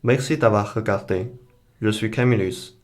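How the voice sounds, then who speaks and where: A man's voice: on the low side, normal speed. A man teaching a beginner language lesson, explaining each point carefully and modeling the pronunciation for learners to repeat.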